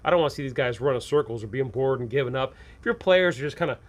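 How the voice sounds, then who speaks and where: Speaking quickly and with plenty of energy, this medium-pitched man talks informally to viewers about how to run tabletop games. As host of the advice video, he's conversational and emphatic, and he tends to say things more than once.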